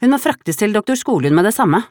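A frightened young woman gives hurried, urgent orders in a raised, strained voice, as a woman reading the story puts her on. The sound is dry and close, with no room heard. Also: medium pitch, sing-song, darkish tone, dry recording, voice pushed up, lightly acted. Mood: distraught. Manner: urgent, anxious, commanding. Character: worried young woman, foster mother.

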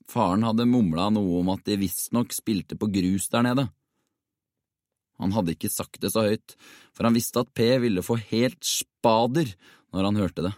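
A man narrating a children's novel in a steady, expressive audiobook reading. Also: fairly low pitch, dry recording, studio quality.

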